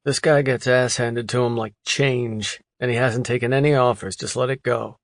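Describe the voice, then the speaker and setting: A man's voice: medium pitch, fairly even intonation, normal speed, no room sound, studio quality, natural voice. A male narrator voicing a blunt, outspoken male friend who lectures and teases.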